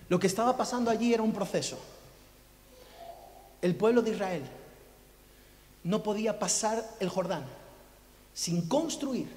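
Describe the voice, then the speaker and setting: A man's voice: sits high, a little mellow. A male pastor preaching a sermon, emphatic, asking the congregation rhetorical questions. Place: church hall. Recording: echoey church hall.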